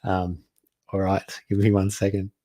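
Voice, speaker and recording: A man hosts a live online summit over a video call in a deep, mellow, monotone voice, taking his time. His manner is affable and informal, a little hesitant.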